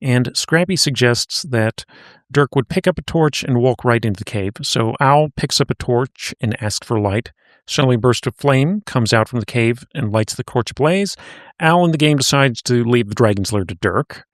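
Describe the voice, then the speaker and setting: Podcast host recapping cartoons, dry sound. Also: male voice, mid-range voice, lively intonation, normal speed, no room sound. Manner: recapping in a conversational storytelling way. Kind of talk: casual podcast chat.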